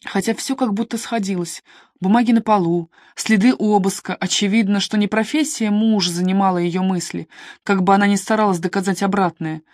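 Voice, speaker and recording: A woman narrating a detective audiobook in a steady, even storytelling voice. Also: medium pitch, a little fast, no room sound.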